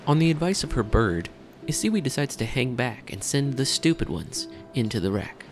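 A man's voice: medium pitch, sing-song, moderate pace. Man narrating over prominent music. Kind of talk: scripted storytelling narration.

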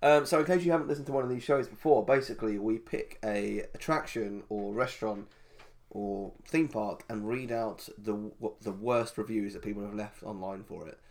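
A man's voice: lowish voice, normal speed, a little mellow. Sick man with a muffled, underwater-sounding voice. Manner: chatty, restarts often, jokey. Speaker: podcast co-host. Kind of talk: casual chat reading out online reviews.

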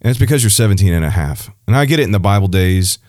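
A man's voice: lowish voice, expressive, fast, a little mellow, no room sound, studio quality. A man giving earnest dating advice from a church perspective in a casual, conversational way, with frequent fillers and restarts. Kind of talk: casual religious advice talk.

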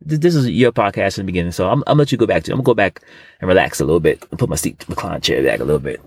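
Husky, animated man chatting on a podcast. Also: low-pitched, very fast, dry recording. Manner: rambling, repetitive, boastful street-casual talk. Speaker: podcast co-host. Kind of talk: casual comedic chat.

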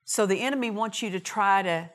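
A woman's voice: medium pitch, brisk. A woman preaching a sermon in a church, with emphatic repetition and short punchy phrases. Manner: emphatic, repeats key phrases, acts out quoted dialogue.

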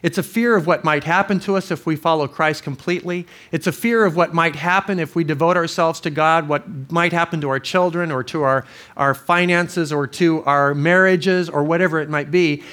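A male pastor preaching a sermon, his voice a little higher than most men's. He talks earnestly and conversationally, often backing up to restart a phrase. He also reads scripture aloud and leads a prayer. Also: steady tone, moderate pace, fairly bright tone. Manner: reads scripture, then prays.

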